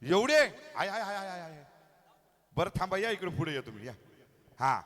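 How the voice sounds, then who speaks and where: High-voiced playful male emcee. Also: sing-song, normal speed, a bit bright. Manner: playful, coaxing, teasing. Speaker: stage show emcee. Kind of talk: lively stage emceeing with children. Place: outdoor stage at a hotel lawn.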